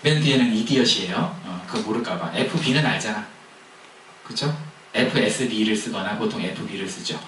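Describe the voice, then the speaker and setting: A man's voice: fairly low pitch, a little fast, a bit bright, a little hiss or hum. Man preaching in an echoey hall. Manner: conversational storytelling with asides to the congregation. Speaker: pastor. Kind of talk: sermon. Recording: echoey hall heard from a distance.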